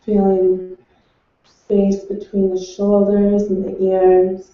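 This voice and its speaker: A woman leading a guided meditation, speaking in slow, soothing, unhurried instructions from far off in an echoing room. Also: mid-range voice, completely flat delivery, mellow. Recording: distant, echoey and dull.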